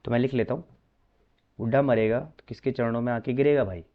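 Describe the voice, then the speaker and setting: Guy teaching maths online, chatty and coaxing, mid pitch, kinda dull lo-fi audio. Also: brisk. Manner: chatty, coaxing, calls students bhai.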